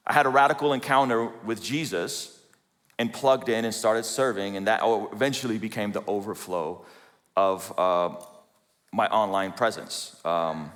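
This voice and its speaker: In a large conference hall with long reverb, a man in his forties from Azerbaijan tells his life story to the audience, sprinkling in self-deprecating jokes. His voice is medium in pitch with a fairly bright tone.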